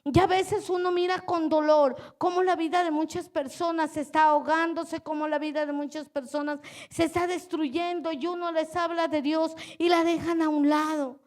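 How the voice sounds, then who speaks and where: A woman's voice: very high voice, level tone, moderate pace, darkish tone. A woman pastor preaching a sermon earnestly, repeating her phrases and putting questions straight to her listeners.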